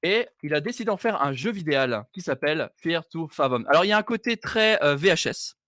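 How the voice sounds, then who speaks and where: Male streamer, bright animated delivery, dry close mic, self-deprecating jokes. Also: a little high, a little fast, no echo. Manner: joking, self-mocking, animated. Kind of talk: casual live stream chat.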